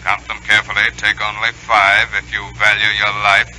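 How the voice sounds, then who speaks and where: An actor playing a suave, calmly commanding stage magician with theatrical, deliberate, formal diction, in old-time radio style. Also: male voice, lowish voice. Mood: taunting, commanding. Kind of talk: 1940s radio acting. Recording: noisy old radio recording.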